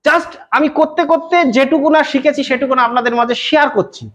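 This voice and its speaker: A goat farmer from West Bengal explaining breeding to an interviewer, often checking that the listener follows. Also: male voice, extremely high pitch, steady tone, normal speed, a bit bright, lo-fi sound. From West Bengal, India. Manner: repeats "কিন্তু" and "বুঝতে পেরেছেন?" often. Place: goat farm, outdoors.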